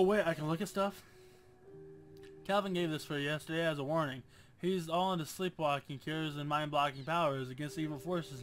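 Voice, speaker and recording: A man's voice: fairly high pitch, a bit bright. A young man casually commenting on a game he plays, sarcastic and jokey, with a lot of swearing. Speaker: gamer. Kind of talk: casual let's-play commentary.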